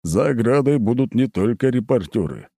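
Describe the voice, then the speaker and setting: A man's voice: medium pitch, expressive, normal speed, mellow, husky, no room sound, clean studio sound, pitched above the performer's own voice. A man voicing an aging, worried count and academy rector who gives urgent, insistent warnings in an audiobook. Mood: urgent pleading. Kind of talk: audiobook character voice.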